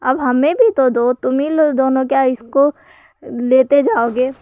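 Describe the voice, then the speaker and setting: A woman's voice: sits high, measured pace, no echo, phone-quality sound. A woman voicing a grandfather who playfully complains to get a turn with the baby in a read-aloud story. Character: cheerful grandfather.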